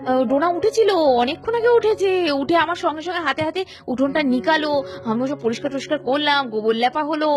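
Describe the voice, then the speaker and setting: A woman narrating a cartoon and voicing a busy mother, hurried and chiding. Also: sits high. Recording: cartoon audio with faint music.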